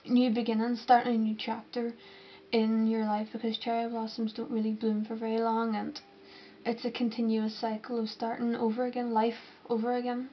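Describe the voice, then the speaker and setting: Speaking at normal speed in a high-ish monotone, this young woman from Northern Ireland answers viewer questions to camera. She's chatty and rambling, with fillers and restarts, in her Northern Irish accent, captured on dull lo-fi audio with noticeable background noise.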